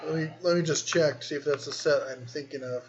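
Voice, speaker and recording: A man's voice: a little high, steady tone, fast talker, lo-fi sound, slight background noise. A man hosting a casual live stream, reading and answering viewer comments in a rambling, easygoing way. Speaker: host.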